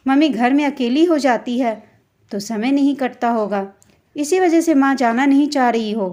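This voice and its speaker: A steady, level-headed husband who reasons patiently and will not be pushed, as a woman voices him in a storytelling reading. The voice sits a little high for a man and stays plain and unforced. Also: lightly acted. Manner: reasoning, defending his mother. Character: adult male husband, calm and firm. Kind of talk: storytelling role voice.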